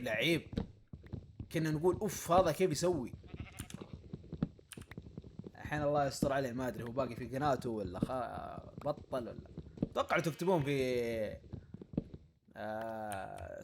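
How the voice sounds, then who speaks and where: There's background noise and faint game music behind this mid-range male voice. A gaming YouTuber, he gives loose let's-play commentary, playfully and excitably addressing himself and the animals he meets in the game.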